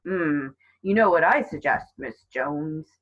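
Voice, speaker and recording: A woman voicing a gruff, jovial police officer who talks down to a child on the phone. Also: low voice, animated, slow, exaggerated voice. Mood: patronizing. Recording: dull lo-fi recording.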